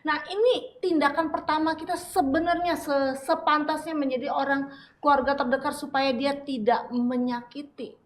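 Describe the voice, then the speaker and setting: Woman host, high voice, casual, conversational, keeps turning to her guest. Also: steady tone, normal speed. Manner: chatty, addresses the doctor often. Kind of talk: casual interview talk.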